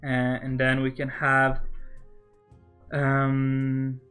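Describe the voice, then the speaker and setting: A man from Norway, speaking English with a Norwegian accent, slowly narrates a building session, muttering to himself and cracking jokes for his viewers. His pitch sits in a middling register, and his delivery is relaxed and unhurried. Soft music plays faintly behind him. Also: smooth. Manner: rambling, self-talking while building, joking. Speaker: Minecraft builder streaming. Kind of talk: casual building commentary.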